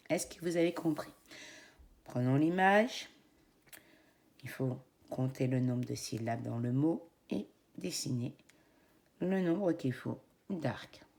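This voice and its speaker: Slow, gravelly French teacher, lively pitch. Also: female voice. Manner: slow, encouraging, syllable-by-syllable enunciation. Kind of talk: classroom phonics lesson for young children.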